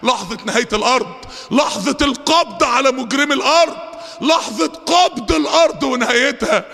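Fiery Egyptian preacher shouting in a hall. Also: male voice, very high-pitched, gravelly. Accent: Egyptian Arabic. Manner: fiery, swinging from fast asides to drawn-out shouted verses. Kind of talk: Friday sermon. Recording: long hall reverb.

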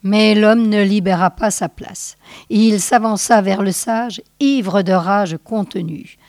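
Slow, dry-voiced woman reading a novel. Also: medium pitch, a little mellow, dry recording. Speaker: reader.

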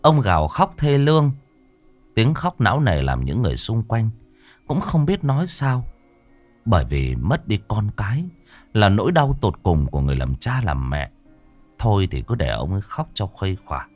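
A man reading a ghost story aloud in a dramatic, expressive style. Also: lowish voice, moderate pace. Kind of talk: scripted horror story narration. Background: faint background music.

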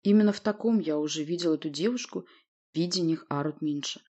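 A woman reading a fantasy audiobook in steady first-person narration. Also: deep voice, fast.

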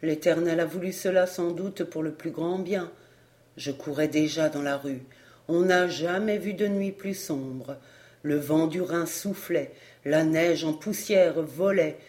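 A reader narrating a nineteenth-century novel in a measured, solemn way, as an audiobook. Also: medium pitch, darkish tone.

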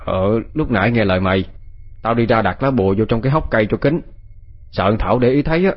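A man's voice: lowish voice, fast talker, natural voice. A man voicing a nervous teenage boy recounting a ghost sighting, hesitant and full of fillers. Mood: uneasy. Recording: dull lo-fi audio with faint background music.

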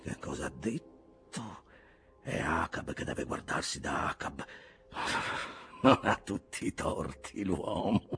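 Imperious old sea captain, wildly swooping voice. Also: male voice, very deep voice, expressive, takes it slowly, vocal fry, long pauses, faint music behind, full character voice. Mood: brooding. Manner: theatrical, sudden bellowing commands, menacing hushed asides. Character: imperious, obsessed old whaling captain, fierce and brooding. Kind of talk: dramatised audiobook reading of a classic sea novel.

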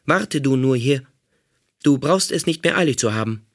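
A man's voice: medium pitch, animated, moderate pace, pitched above the performer's own voice, close to an everyday voice. A man voicing a hostile male robot soldier who speaks in a stiff, accusing, menacing way. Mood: mocking.

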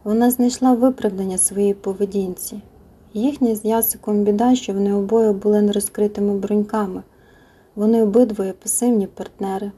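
A woman reads a novel aloud in a soft, intimate audiobook style. Her voice is very dark and mellow with a husky grain, and at times she drops to a near-whisper. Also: mid-range voice. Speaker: audiobook narrator. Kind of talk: scripted narration of a novel.

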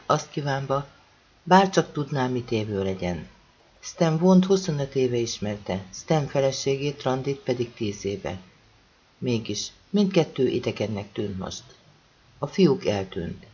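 A man narrating an audiobook in measured scripted narration, dropping low on grave words, in a dull lo-fi recording. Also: a little mellow, breathy edge.

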